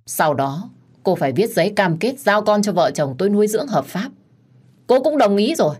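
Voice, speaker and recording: A woman's voice: medium pitch, very animated, normal speed, darkish tone, slightly rough. Woman doing a stern curt husband, firm, impatient, clipped.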